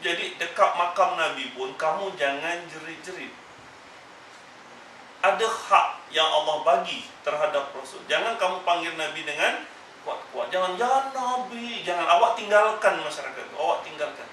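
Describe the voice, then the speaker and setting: A man's voice: a little high, normal speed, bright, forceful tone, slight background noise. Emphatic man teaching in an echoey room. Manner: emphatic, repetitive admonishing. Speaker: religious teacher. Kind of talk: Quran exegesis class. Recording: echoey room, mic far off.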